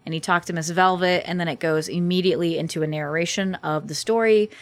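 A young woman with a lowish voice chats as a podcast guest. She talks loosely, laughs easily and often restarts her sentences. Her voice sits close and dry on the mic. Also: fairly even intonation, fast talker, no room sound. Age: young adult. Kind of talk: casual podcast interview.

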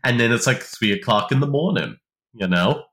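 A man co-hosting a podcast, chatting casually with lots of fillers and quick rambling bursts. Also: medium pitch, animated, fairly bright tone. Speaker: podcast co-host. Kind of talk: casual chat.

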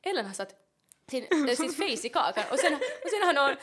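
A young woman with a Finland Swedish accent co-hosts a podcast, chatting with plenty of filler words and English asides. Her voice sits high, and her pitch bounces all over as she retells what happened. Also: big pitch swings, fairly bright tone. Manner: chatty, heavy use of fillers like liksom, mixes in English. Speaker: podcast co-host. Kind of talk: casual chat.

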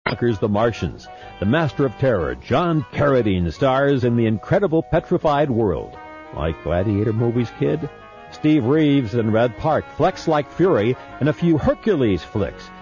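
A man delivering a playful, hard-selling radio infomercial pitch as a commercial announcer. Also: very animated, normal speed, darkish tone. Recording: dull lo-fi radio, faint music.

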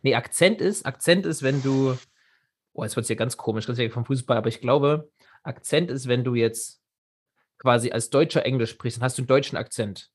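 A man co-hosting a casual football podcast, excitable, swearing casually and restarting his sentences often. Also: medium pitch, moderate pace, breathy edge. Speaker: podcast co-host.

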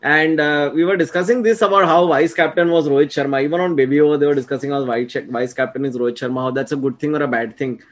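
A man's voice: on the high side, steady tone, quick pace, hardly any pauses. A man with an Indian accent hosting a casual sports chat, wry and questioning, mixing English with Hindi. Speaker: podcast host.

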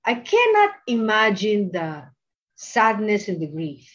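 A woman's voice: medium pitch, huge pitch swings, takes it slowly. A woman with a Filipino accent preaching a sermon, stressing her points and checking in with her listeners through frequent tag questions. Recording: dull lo-fi recording.

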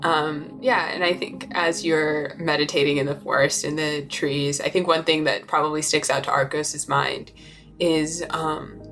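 Woman, low voice, game master, relaxed descriptive narration, fillers, faint background music. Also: a little slow.

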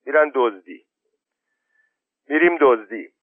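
A man's voice: mid-range voice, lively intonation, dry recording, voice pushed up, lightly acted. A man reading aloud voices a bold, blunt village man. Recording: thin phone-like sound.

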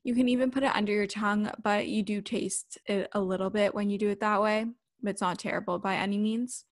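A woman's voice: mid-range voice, fairly even intonation, fairly quick. A woman in her twenties talking casually as the solo host of a podcast, chatting and reading sponsor spots. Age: 20s.

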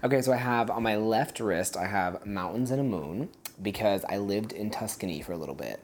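A man with a standard American accent in casual podcast chat, animated, giggly and self-deprecating. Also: lowish voice, fairly quick. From United States. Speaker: podcast guest, actor.

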